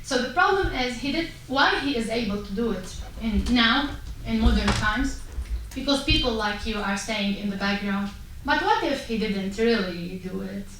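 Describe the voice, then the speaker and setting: A woman's voice: a little high, lively intonation, normal speed, few pauses, fairly bright tone. A woman from Syria, speaking passionately and emphatically at a panel, pressing rhetorical questions. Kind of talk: impassioned panel talk. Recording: echoey hall, distant mic, faint noise.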